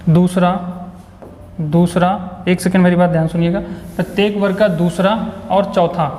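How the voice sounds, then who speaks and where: A man runs an online exam-prep lesson, repeating every question and answer for his students and cheering them along. His voice sits fairly high. The recording carries a long, echoing reverb from the room. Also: flat delivery, moderate pace, a little mellow, a little hiss or hum. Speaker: Hindi teacher.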